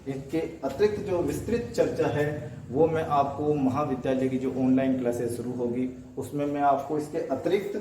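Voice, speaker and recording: A man's voice: medium pitch, moderate pace, warm tone, slight background noise. Man teaching from a distance, echoey. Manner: recites letters one by one, asks and answers his own questions. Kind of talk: Sanskrit phonetics lesson. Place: classroom or room, writing on a board.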